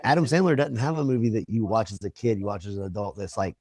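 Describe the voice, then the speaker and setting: A man's voice: fairly low pitch, quick pace, darkish tone, no echo, studio quality. A young man co-hosting a podcast, giving firm opinions in casual chat. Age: young adult. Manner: opinionated, listing picks. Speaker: podcast co-host.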